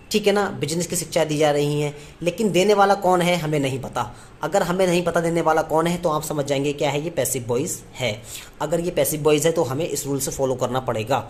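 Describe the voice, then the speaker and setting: A man teaching a grammar lesson, asking and answering his own questions and slowing down to spell out example sentences. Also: a little high, slight background noise. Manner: repetitive question-and-answer teaching, slows down to spell out English phrases. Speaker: English teacher. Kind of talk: classroom lesson in Hindi.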